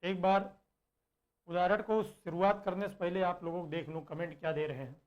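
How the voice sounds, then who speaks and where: A man teaching an online exam-prep class goes slowly, going over points again and answering his own questions. He speaks high and steady, and the recording's highs are cut off.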